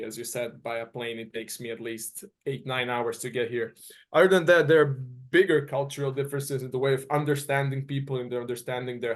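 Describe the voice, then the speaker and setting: A young man in his twenties from Serbia, a native Serbian speaker, answering interview questions earnestly and often restarting as he searches for words. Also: mid-range voice. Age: 20s. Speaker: guest college tennis player.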